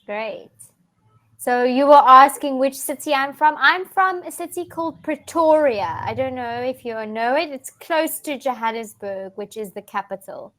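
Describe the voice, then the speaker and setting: A woman's voice: high-pitched, a bit bright. A young woman from South Africa, an online English tutor, chatting casually on a video call and explaining things with frequent restarts. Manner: friendly, explains slowly with frequent restarts and fillers. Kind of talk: casual online conversation lesson.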